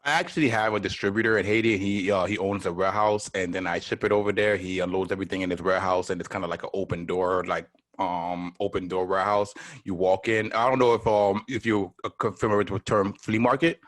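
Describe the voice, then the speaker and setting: A man from Miami, a podcast guest talking in a relaxed, chatty way, often checking in with a quick "right?". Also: sits low. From Miami, United States. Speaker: guest, entrepreneur. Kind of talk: casual interview chat.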